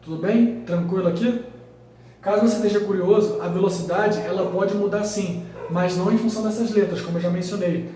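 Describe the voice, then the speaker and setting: A man with a Brazilian Portuguese accent teaches a physics exam lesson at a whiteboard, explaining step by step and checking in often with his students. His high-sitting voice is steady, brisk and mellow, and the distant mic picks up a very echoey room.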